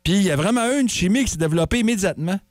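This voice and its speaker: A woman's voice: medium pitch, lively intonation, a little mellow, no echo. A woman with a Quebec French accent, a morning radio co-host giving a chatty sports report with frequent fillers, speaking into a studio microphone. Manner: brisk, chatty, stumbles with fillers.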